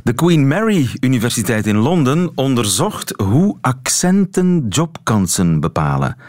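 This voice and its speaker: Vlaamse radiopresentator met levendige toon. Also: male voice, medium pitch, big pitch swings, a little mellow, no echo, studio quality. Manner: brisk, probing questions. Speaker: radio host. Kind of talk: radio interview. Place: radio studio.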